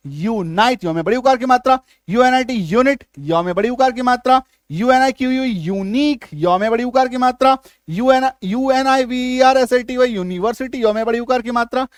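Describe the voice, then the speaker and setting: High-voiced man teaching English spelling. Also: no room sound, studio quality. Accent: Hindi. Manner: explains patiently, repeats points and checks understanding. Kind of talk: spelling lesson.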